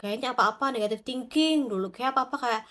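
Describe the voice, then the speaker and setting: High-voiced woman preaching a lively devotional sermon. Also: a little fast. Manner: animated, acts out little quoted prayers and voices.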